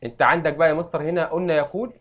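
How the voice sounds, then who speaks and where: A young adult man with an Egyptian accent, teaching an Arabic grammar lesson and quizzing students with quick questions. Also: fairly high pitch, steady tone. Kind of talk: classroom lesson.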